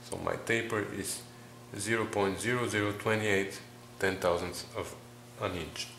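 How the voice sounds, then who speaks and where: Narrating a garage tutorial, a home mechanic explains engine measurements, working methodically through the numbers with pauses and fillers. His voice sits fairly low, steady, creaky, and a bit bright, with faint ambient noise behind him.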